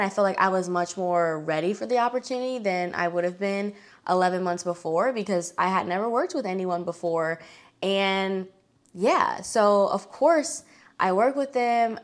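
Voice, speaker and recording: A young woman vlogger chatting casually to camera, acting out quoted lines with lively jumps in pitch. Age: young adult. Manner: chatty, lots of fillers, acts out quoted dialogue with bright pitch jumps. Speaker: fitness vlogger.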